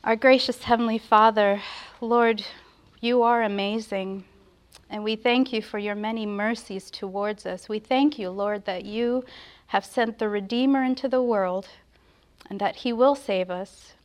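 A woman's voice: mid-range voice, fairly even intonation, a little slow. A woman giving an earnest, reverent sermon at a pulpit microphone, with a prayer and scripture study. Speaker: preacher.

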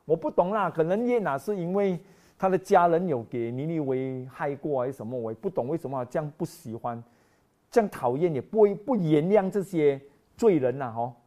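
Female preacher, sermon delivery, very expressive pitch, loud bursts and quiet asides, slow deliberate scripture reading. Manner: animated, swings between loud exclaiming and quiet asides; reads scripture slowly and deliberately.

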